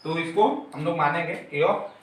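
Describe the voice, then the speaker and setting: A man's voice: on the high side, fairly even intonation, moderate pace, a little hiss or hum. A man teacher explaining a grammar lesson step by step, repeating his key terms. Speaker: English teacher. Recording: very echoey room, mic far off.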